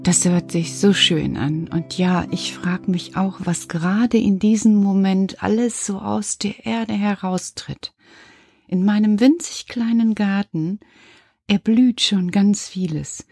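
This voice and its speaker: A woman telling a gentle story in a soft, confiding way, speaking directly to the listener. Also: mid-range voice, steady tone, unhurried, husky, faint music behind.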